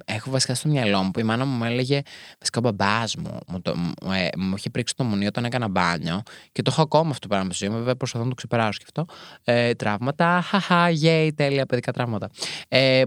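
A young man from Greece hosting a solo podcast, reading passages aloud and breaking into campy, chatty asides with sudden swoops up in pitch. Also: fairly bright tone, clear, resonant tone, no echo, studio quality. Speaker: podcast host.

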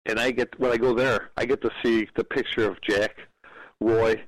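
A former race car driver, a man, telling racing stories in a relaxed, anecdotal way as a guest on a talk show. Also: medium pitch, normal speed, no room sound, poor audio. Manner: relaxed anecdotal storyteller who acts out dialogue. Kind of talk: casual interview storytelling.

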